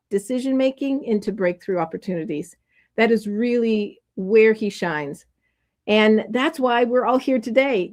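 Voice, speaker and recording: Upbeat female host, higher voice, introduces a speaker with enthusiasm. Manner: enthusiastic, warm praise. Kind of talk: event introduction.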